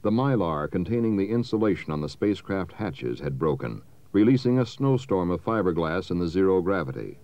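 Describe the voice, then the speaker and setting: A man giving measured, solemn scripted narration for a documentary. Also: low-pitched, big pitch swings, a little mellow. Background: music.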